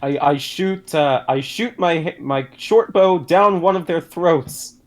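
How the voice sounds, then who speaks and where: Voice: medium pitch, slow. A tabletop game player chatting casually, swearing freely.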